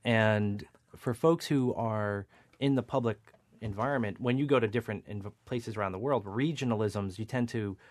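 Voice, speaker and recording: A man's voice: fairly low pitch, moderate pace, a little mellow, no room sound. A man appearing as a speech coach guest on a radio panel, explaining ideas in a teaching, coaching way. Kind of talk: expert radio commentary.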